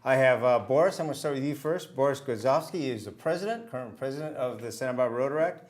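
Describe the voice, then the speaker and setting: A man hosts a community TV interview and keeps things moving at a quick clip. His voice sits at an average pitch, and his questions come out friendly and brisk. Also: animated. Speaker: host.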